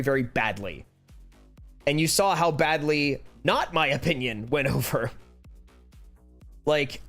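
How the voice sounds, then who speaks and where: A man livestreaming as he draws, chatting casually in a rambling way, with lots of fillers and restarts, and growing animated when he vents. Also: medium pitch, clean tone. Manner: grows heated and animated when venting. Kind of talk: casual chat while drawing.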